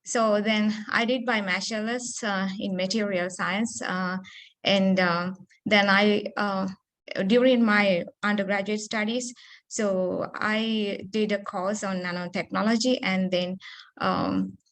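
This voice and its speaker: A woman in her thirties from Sri Lanka speaks on a video call as a seminar guest. She talks haltingly, restarting phrases and filling gaps with ums and uhs. Her voice sits at a middling pitch. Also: fairly bright tone. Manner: hesitant, many fillers and restarts. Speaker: guest speaker, postdoctoral researcher.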